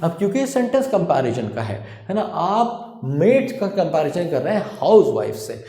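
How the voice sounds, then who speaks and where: An Indian man teaches English grammar in an online exam-prep class, posing rhetorical questions and answering them himself. His mellow voice swings widely in pitch. He sounds like he is in an echoey room. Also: normal speed. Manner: lively, explains with rhetorical questions.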